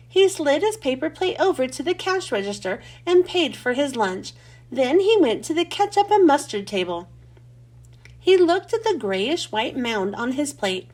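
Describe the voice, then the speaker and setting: In a high voice, a woman hosts a reading of a children's storybook aloud, with expressive delivery and clear enunciation.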